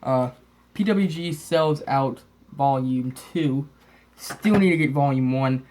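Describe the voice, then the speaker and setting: A man's voice: mid-range voice, slow, a little mellow. A man with a lisp from braces and a slightly sick, sniffly voice, chatting casually and ramblingly as he shows off his collection as a host. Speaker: host of a wrestling DVD collection update. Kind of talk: casual, rambling show-and-tell chat.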